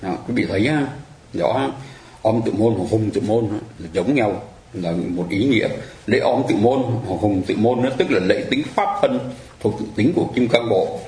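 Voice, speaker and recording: A man's voice: fairly low pitch, normal speed, a little mellow, roomy sound, a little hiss or hum, low-quality recording. A man teaching a Buddhist class, explaining patiently and addressing his listeners politely. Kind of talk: dharma class lecture.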